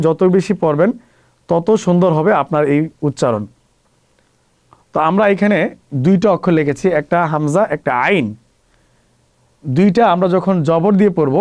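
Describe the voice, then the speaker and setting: A man's voice: sits high, a little mellow. A man from Bangladesh with a Bangladeshi Bengali accent teaches Quran pronunciation step by step, repeating each sound many times as a drill. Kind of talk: slow step-by-step pronunciation lesson.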